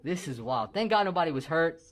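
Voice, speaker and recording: A man's voice: fairly high pitch, lively intonation, a little fast. A man commenting casually on a clip in an emphatic, slangy way, warning his viewers. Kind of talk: casual chat.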